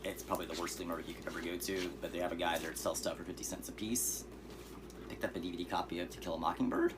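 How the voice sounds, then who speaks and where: Rapid-fire and loose, a deep-voiced, hoarse man vlogs about a heap of inexpensive films he found secondhand. He wanders off into asides and fillers as he goes, while a clear, steady background noise runs throughout.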